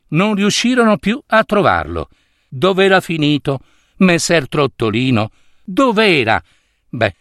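A man's voice: a little high, a bit bright, no room sound, clean studio sound. A man narrating a fairy tale in a theatrical way with playful asides. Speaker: storyteller. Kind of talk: expressive storybook narration.

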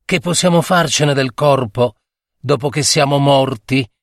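A man voicing a doubtful young fiancé, raising his voice higher for the part in a dry audiobook reading. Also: a little slow, dry recording, close to an everyday voice. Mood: skeptical. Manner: doubtful, questioning. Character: skeptical young man, a farmer's future son-in-law.

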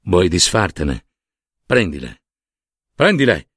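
A man's voice: fairly low pitch, big pitch swings, slow pace, no echo, voice pushed down, full character voice. A man voicing a sanctimonious, greedy old monsignor who fusses, preaches and wheedles. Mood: coaxing. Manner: fussy, wheedling, preachy, with soft asides. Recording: dry close studio sound.

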